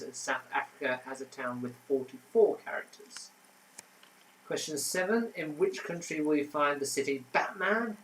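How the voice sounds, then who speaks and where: A man's voice: a little high, a bit bright, a little hiss or hum, rough recording. A man hosting a casual home quiz, reading answers and adding trivia with frequent fillers. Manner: chatty, reads answers then adds trivia with many fillers. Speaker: quiz host.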